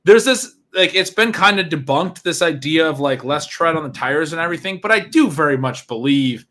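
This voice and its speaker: A man with a bright, forceful voice that sits a little high, talking fantasy football with a co-host. His delivery is quick and chatty, and he laughs easily between points. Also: animated. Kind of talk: casual sports chat.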